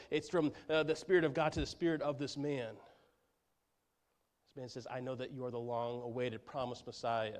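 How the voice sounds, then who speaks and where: A man preaching an earnest sermon, often dropping to a hushed voice for emphasis. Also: on the high side. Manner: earnest, drops to a hush for emphasis. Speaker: pastor.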